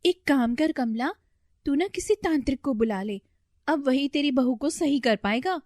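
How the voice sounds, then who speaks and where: A meddling, superstitious neighbor lady from a storybook cartoon, as a woman puts her on. She sounds high and bright as she gives her confiding advice. The sound is close and dry. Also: animated, moderate pace, dry recording. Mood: conspiratorial. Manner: confiding and advising. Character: gossipy middle-aged female neighbor, meddling and superstitious.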